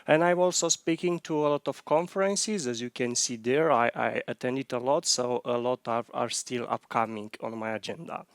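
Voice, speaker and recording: A man's voice: mid-range voice, no echo. A man in his thirties giving a technical conference talk on stage, speaking with frequent restarts. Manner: halting, frequent restarts, non-native phrasing. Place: large conference hall stage. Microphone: headset.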